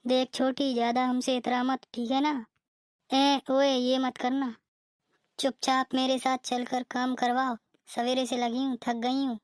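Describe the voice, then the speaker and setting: Woman doing a cartoon elder sister-in-law, nagging and bossy, high voice, pretty flat tune. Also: measured pace, dry recording, clean studio sound. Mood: scolding. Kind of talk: cartoon voice acting.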